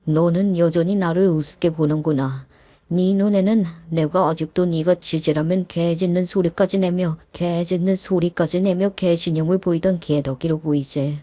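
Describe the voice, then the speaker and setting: A woman voicing a calm, deeply hurt middle-aged man who was bullied, speaking quietly, firmly and measured. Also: dry recording, natural voice. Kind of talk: story narration with acted dialogue.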